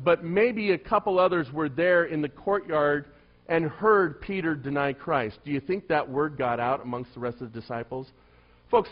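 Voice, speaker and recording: In lo-fi sound, a middle-aged pastor, a man with a soft voice on the high side, relates a story in a sermon, alternating loud, emphatic moments with hushed asides.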